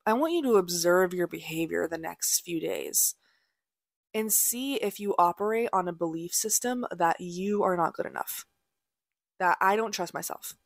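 A woman's voice: mid-range voice, dry recording, clean studio sound. A young adult woman hosting a podcast, giving casual spiritual advice in a candid, blunt way, swearing freely and using many fillers. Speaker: podcast host.

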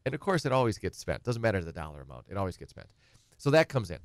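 A middle-aged man with a low-sitting voice speaks fast in a sing-song manner, captured in clean studio sound without any room sound. He's a guest attorney on a talk show, giving a rambling, casual explanation of estate planning and acting out client questions.

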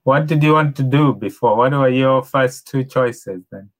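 A man's voice: medium pitch, moderate pace. A man hosting an interview, asking questions in a rambling, hesitant way full of fillers. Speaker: podcast host.

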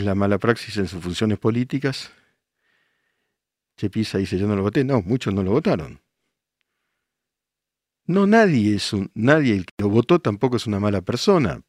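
A man's voice: fairly low pitch, a little mellow, dry recording, studio quality. An older man with an Argentine accent hosting a radio show, reading listener messages and answering them with emphatic rhetorical questions. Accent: Argentine Spanish. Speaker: radio host.

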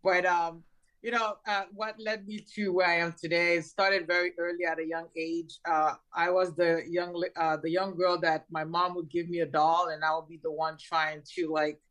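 A Haitian woman in her forties, founder of a cybersecurity company, talks about her career as a guest on an interview show. Her lowish voice has a level tone and normal pace, and she's warm and enthusiastic, chatty, laughing often and using many fillers.

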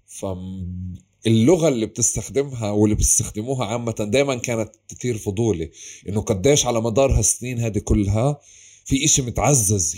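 Male interviewer, Palestinian Arabic accent, rapid delivery in a lower register, casual and discursive. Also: mellow.

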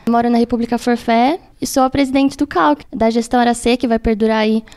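A woman's voice: fairly high pitch, steady tone, brisk, a little mellow. A woman of twenty, a student association president, introducing herself in a friendly, orderly way.

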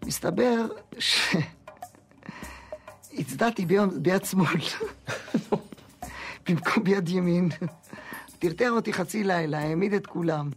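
A man's voice: high voice, pauses often, faint music behind. A male comedian telling a self-mocking story about his army days.

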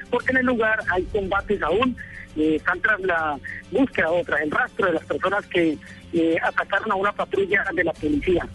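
Male field reporter, high and bright, hesitant live delivery. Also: rough recording. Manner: hesitant, with many fillers.

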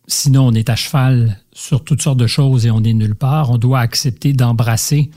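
A man's voice: mid-range voice, fairly even intonation, normal speed, warm tone. A man hosting an interview, asking formal, carefully phrased questions. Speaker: interviewer, podcast host.

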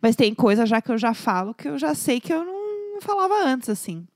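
A woman with a Paulista accent chats on a podcast, quick to react with exclamations. Her voice sits a bit high and sounds dry and close to the mic. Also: expressive, a little mellow, no room sound. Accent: Paulista Brazilian Portuguese. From São Paulo, Brazil. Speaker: podcast co-host. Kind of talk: casual chat.

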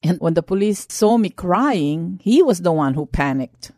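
A woman's voice: on the low side, expressive, a little slow, mellow, dry recording, studio quality. Earnest Filipino woman giving testimony. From Philippines. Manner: earnest, impassioned. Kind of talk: personal testimony and exhortation.

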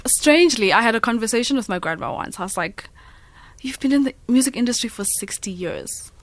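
A young woman born in Zambia, a guest in an interview, telling family stories earnestly and often answering with a quick yes. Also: a little high, lively intonation, dry recording. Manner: storytelling, earnest, affirming with frequent yeses. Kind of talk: casual interview conversation.

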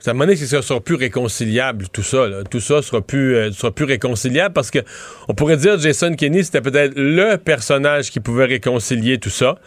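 Speaking fast with lively intonation, a middle-aged man with a Québécois French accent rambles through political analysis in casual conversation, often starting his sentences over. The political commentator's voice is medium in pitch, and the recording has no room sound.

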